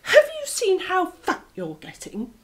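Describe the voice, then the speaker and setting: A woman voicing a clever female fox who speaks in a high, prim, scolding way in a storybook. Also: huge pitch swings, measured pace, exaggerated voice. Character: clever, tidy female fox, quick and sly.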